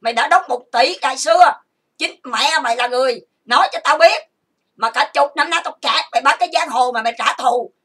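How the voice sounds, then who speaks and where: A woman's voice: high voice, a little fast, fairly bright tone, slightly rough, far from the mic. A woman streaming an angry rant, cursing and hurling accusations while lying down. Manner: profane, accusing, insulting. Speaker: online streamer. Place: lying down at home.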